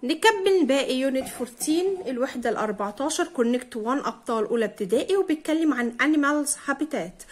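A young woman with an Egyptian Arabic accent, teaching a primary school English lesson. She repeats words and drills them slowly, spelling out letters. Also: sits high, expressive.

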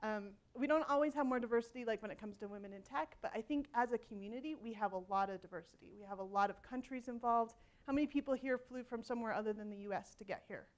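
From the stage of a large conference hall, a woman in her forties delivers a keynote through a headset mic, her voice sitting a little high. She talks fast with hardly any pauses, in a loose, conversational style full of ums, restarts and self-deprecating humor.

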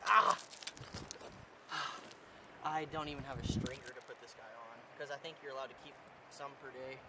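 Out on the riverbank, a young man with a medium-pitched voice chats to his viewers during a casual fishing vlog, excitedly repeating his exclamations. The on-camera mic and head-mounted camera pick up the rushing river around him.

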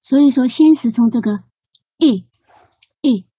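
A woman explaining English vowel sounds in recorded study notes, hesitant, with many fillers, repeating drill words slowly. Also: sits high, husky, dry recording, highs cut off. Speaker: English pronunciation learner.

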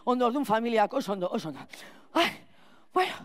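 A woman playing a scatterbrained, chatty school cleaner in a clown stage monologue, rambling with restarts and loud outbursts. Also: a little high, big pitch swings, quick pace, no room sound. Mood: exasperated rambling. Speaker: clown performer.

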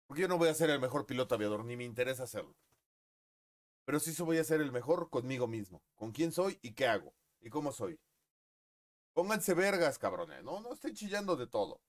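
A man with a Mexican accent, a streamer, ranting in a profane, mocking way. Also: medium pitch. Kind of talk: casual rant.

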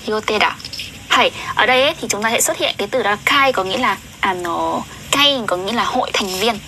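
Bright chatty young woman teaching. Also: mid-range voice, lively intonation, slight background noise, low-quality recording. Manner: chatty, asks viewers questions, reads Japanese sentences slowly. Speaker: Japanese tutor on livestream. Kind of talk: casual livestream lesson.

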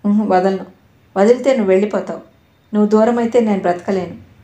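A woman's voice: medium pitch, a little fast, warm tone, close to an everyday voice. A woman reading a lovesick, pleading young man. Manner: pleading and insistent. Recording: roomy echo.

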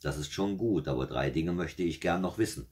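A man's voice: low-pitched, expressive, fairly quick, a little mellow. A man reading aloud and voicing the young hero of a fairy tale, earnest and polite in his plain reading voice.

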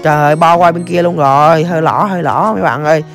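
A game streamer rattles off rapid, excitable play-by-play, breaking into bursts of exclamations. The voice sits at a middle pitch, and soft music plays faintly underneath. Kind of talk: live gameplay commentary.

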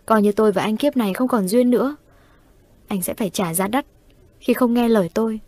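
A woman's voice: fairly high pitch, fairly quick, darkish tone, no room sound, lightly acted. A woman voicing a vengeful young female ghost wife who speaks in a cold, accusing, menacing way. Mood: cold scorn. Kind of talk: storytelling with voiced characters.

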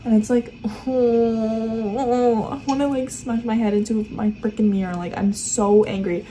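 A woman's voice: a little high, fairly even intonation, unhurried, warm tone, slight background noise, low-quality recording. A tired young woman vlogging casually at home late at night, exasperated and dramatic, peppering her talk with "like". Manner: exasperated, dramatic, heavy use of "like". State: exhausted, tired. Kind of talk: casual day-in-my-life vlog.

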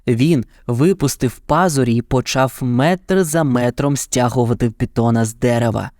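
A man narrating a children's fairy tale in an even, dramatic storytelling manner. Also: medium pitch, normal speed, no echo, clean studio sound.

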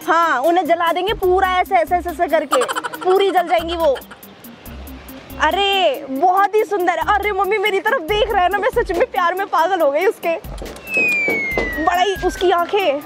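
Young woman pranking her mom on the phone, super high squeaky voice, all giggly and gushy, music going underneath. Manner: gushing, teasing, giggly. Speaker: prank video host.

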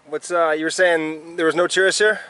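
A man's voice: a little high, flat delivery, fairly quick, sharp tone, clean tone. A man of about forty interviewing casually outdoors with short, simple questions. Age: around forty. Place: outdoors by the sea.

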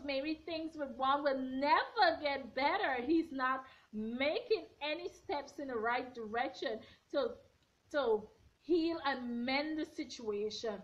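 Filmed at arm's length on a front camera in her bedroom, a high-pitched young woman in her twenties, a bit hoarse, offers a casual, opinionated reality show recap. She's sassy and blunt, gestures animatedly with her hands, and the webcam recording is dull and lo-fi.

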